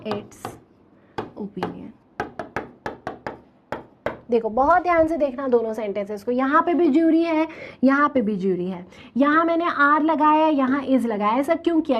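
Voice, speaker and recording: A woman teaching an English grammar lesson, explaining slowly and asking her students questions as she goes. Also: high voice, dull audio, a little hiss or hum. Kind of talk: classroom grammar lecture.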